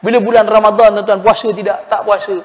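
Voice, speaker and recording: A man's voice: sits high, level tone, fast. A man preaching a mosque sermon, telling stories with animation and addressing his listeners directly. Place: mosque hall. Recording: long reverb in a mosque hall.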